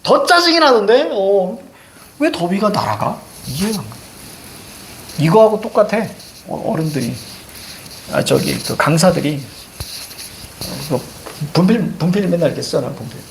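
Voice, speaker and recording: A man's voice: high-pitched, normal speed, creaky, pauses often, a little hiss or hum. A male teacher giving a classroom lecture, telling stories with jokey asides. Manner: animated storytelling, jokey asides.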